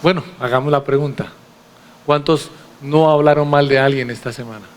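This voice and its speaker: A man's voice: medium pitch, fairly even intonation, moderate pace, a little hiss or hum. A man preaching a sermon to his congregation in a church, emphatic, with rhetorical questions and direct address. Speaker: pastor.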